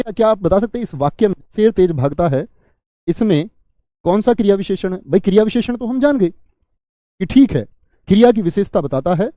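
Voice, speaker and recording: A man teaches Hindi grammar to an online exam-prep class in a slightly high, mellow voice. The sound is dry and close, with no room echo. He explains slowly, repeats the key terms, and asks questions that he answers himself.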